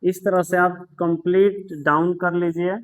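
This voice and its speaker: A man teaching English grammar in a patient lesson, repeating words, spelling them out and telling students to pause and take notes. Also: sits high, level tone, poor audio. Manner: tells students to pause the video and write notes. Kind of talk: slow explanatory grammar lesson.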